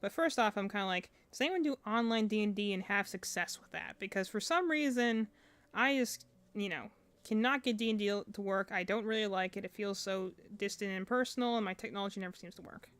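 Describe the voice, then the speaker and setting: A woman's voice: medium pitch, a little fast, fairly bright tone, clean tone, dry recording. A young woman streamer in casual chat, rambling and self-deprecating with lots of fillers.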